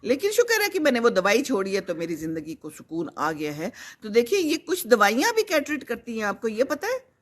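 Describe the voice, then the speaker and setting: A woman's voice: fairly high pitch, huge pitch swings, a little fast. An older woman from Pakistan, hosting a live stream, chatting in a rambling, conversational way and reading out viewer comments. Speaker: host.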